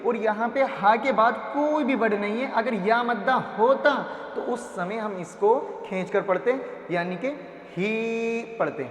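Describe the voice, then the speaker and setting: A man teaching Quran reading, patiently sounding out syllables and asking and answering his own questions, stretching long vowels slowly. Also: high-pitched, reverberant, long reverb tail. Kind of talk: patient step-by-step phonics lesson.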